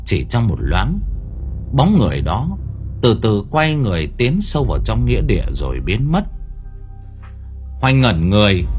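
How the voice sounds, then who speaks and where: A man narrating a horror audiobook with suspenseful, expressive delivery. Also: medium pitch. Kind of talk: dramatic horror story narration.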